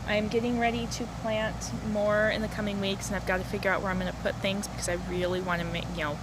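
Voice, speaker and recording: Chatty woman vlogging amid clear outdoor noise. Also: mid-range voice, flat delivery, fast talker. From lives in the Arizona desert, US. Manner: informal, rambling, chatty. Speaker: host of a home gardening vlog. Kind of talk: casual chat to camera. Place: outdoors in a backyard garden and porch. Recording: noisy outdoor recording with ambient sounds. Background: rooster crowing, chickens, outdoor ambience.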